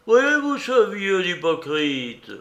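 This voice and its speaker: A man voicing a hearty, blunt miller who exclaims and protests loudly. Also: high voice, very animated, slow, roomy sound, muffled recording, voice pushed up, full character voice. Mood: indignant. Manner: loud, exclaiming, indignant. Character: hearty male miller, blunt and good-natured. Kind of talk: audiobook character reading.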